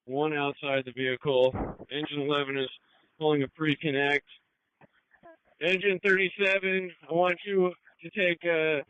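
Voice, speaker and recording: A man with a slightly high, clear voice speaks as a fire incident commander over a dry, muffled two-way radio. He gives urgent, clipped orders to his units. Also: dry recording. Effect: two-way radio transmission. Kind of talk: radio dispatch traffic, issuing orders to units. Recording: dry, band-limited emergency radio scanner feed.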